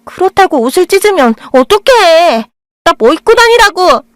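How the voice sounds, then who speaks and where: A woman's voice: very high voice, very animated, moderate pace, no echo. A woman doing a whiny, defiant young teen girl. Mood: whining, upset. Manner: whining, defiant.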